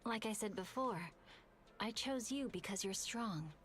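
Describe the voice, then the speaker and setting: High, composed female officer, noisy background. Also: animated, a little slow, fairly bright tone. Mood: earnest, caring. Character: composed, earnest, caring female superior officer. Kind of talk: video game voice acting.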